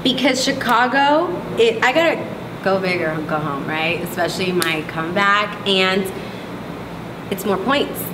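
A woman in her thirties, a bodybuilding competitor, talking excitedly and laughing often in a casual interview in a gym. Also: mid-range voice, a little slow, background noise. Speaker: pro bikini competitor, interview guest. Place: large indoor gym, in front of a logo wall. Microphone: far camera mic. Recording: echoey room, picked up from a distance, with clear ambience.

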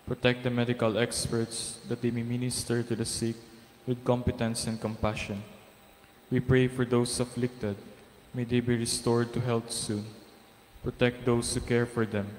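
A man serving as lector, reading a prayer aloud in a steady, measured way, with a cathedral echo around his voice. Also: medium pitch, a little hiss or hum. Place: large church. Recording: roomy church with long reverb and faint ambience.

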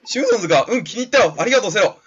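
Guy doing a hyped little schoolkid hero, high and lively, kinda lo-fi audio. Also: rapid-fire, breathy edge, soft background music. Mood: eager, cheerful. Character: cheerful eager young schoolkid hero. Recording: slightly dull lo-fi recording.

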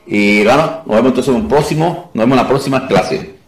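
A man's voice: medium pitch, a little fast. A man teaching an informal class on deliverance ministry. He repeats himself and keeps asking "ok?" to check on his listeners. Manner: repetitive, restarts often, asks "ok?" to check. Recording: echoey room, voice from a distance.

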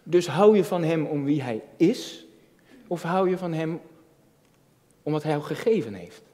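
A man's voice: on the high side, animated, unhurried, dark tone. A man preaching a sermon as a youth pastor, talking in a loose, conversational way with many restarts and then building to emphatic peaks. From Netherlands. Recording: long hall reverb.

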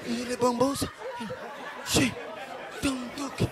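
A man with a remarkably high voice roasts his target in crude, mocking stand-up style. He shifts between shouted jabs and sing-song teasing. A faint audience can be heard behind him. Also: little pitch movement, measured pace, a faint crowd. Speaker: comedian.

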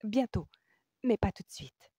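A woman's voice: medium pitch, lively intonation, moderate pace, warm tone, slightly rough, no room sound, pitched above the performer's own voice. A woman voicing an impulsive, emotional young woman who talks in breathless, broken-off phrases, in an audiobook. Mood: distracted. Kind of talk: audiobook character voice.

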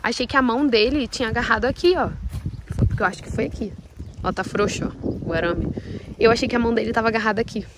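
A woman's voice: fairly high pitch, quick pace, background noise. Shaken Brazilian woman vlogging outdoors. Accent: Brazilian Portuguese. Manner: shaky and nervous, shouting at a horse. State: trembling with nerves. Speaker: vlogger with horses. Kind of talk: casual vlog talk to camera. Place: outdoors in the rain at a horse farm.

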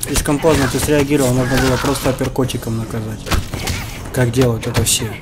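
A man's voice: medium pitch, little pitch movement, brisk. Gamer guy doing casual running commentary on his matches, talking at the opponent, game music behind him. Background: fighting game music and sound.

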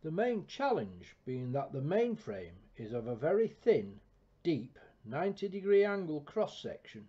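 Guy reading a technical build update, measured and exact, kinda muffled lo-fi sound. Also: on the high side, very animated, dark tone. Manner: measured, precise technical delivery. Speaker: project narrator. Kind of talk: scripted technical narration.

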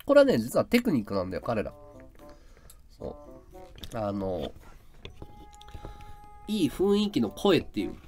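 A male live streamer in casual chat, with a high, carrying voice, explaining his audio setup. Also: huge pitch swings, measured pace, long pauses, a little mellow, soft background music. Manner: chatty, explains his audio gear and voice tricks. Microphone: desk mic through an audio interface and mixer.

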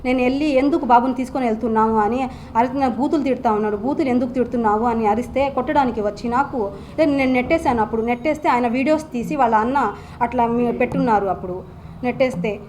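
A woman's voice: on the high side, quick pace, darkish tone, slight background noise. A young woman with a Nellore Telugu accent, speaking urgently and with a grievance at a press meet, often breaking off and repeating herself. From Andhra Pradesh, India. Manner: urgent, aggrieved, many restarts and repeats. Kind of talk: emotional press statement.

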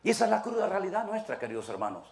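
A male pastor delivering a sermon, emphatic, with big swings in pitch and loudness. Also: very animated, very fast, gravelly.

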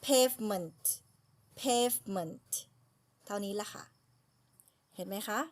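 A woman teaching phonics, patiently spelling letters one by one and repeating words slowly. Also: medium pitch, a bit bright. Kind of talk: slow spelling and pronunciation lesson.

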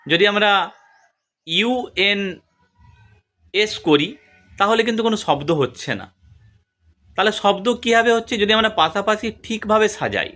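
A young man with a fairly high, pushed, bright voice teaches a spoken classroom grammar lesson. He spells words out letter by letter, stretches syllables slowly, and asks questions before answering them himself.

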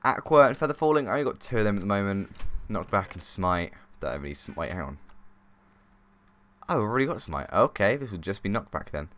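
A man's voice: fairly low pitch, big pitch swings, fast talker, a bit bright, a little hiss or hum. A man hosting a let's play, giving chatty, easily sidetracked commentary as he plays. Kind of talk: casual gameplay commentary.

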